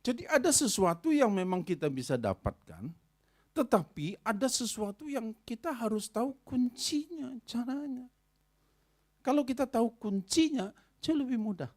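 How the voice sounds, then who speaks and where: A man preaching a sermon as pastor, telling stories and speaking directly to the congregation, rising high and loud at emotional peaks. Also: very animated, moderate pace. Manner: storytelling, addresses congregation directly.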